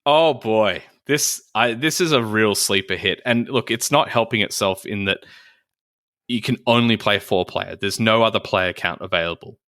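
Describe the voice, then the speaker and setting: In clean studio sound with no room echo, a man co-hosts a casual board game podcast, upbeat and enthusiastic about the games he recommends. His voice is fairly low but bright in tone, at a normal pace.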